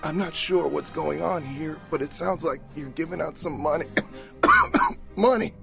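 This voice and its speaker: A man's voice: a little high, unhurried, creaky, music in the background. A man acting a meek, apologetic homeless beggar with a hesitant, stammering delivery in a comedy sketch. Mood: meek pleading.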